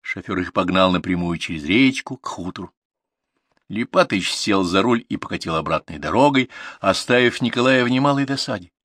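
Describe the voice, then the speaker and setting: Lively low-voiced male audiobook reader. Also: a little fast, no echo, clean studio sound. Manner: expressive, story-telling delivery. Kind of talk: audiobook narration of short stories.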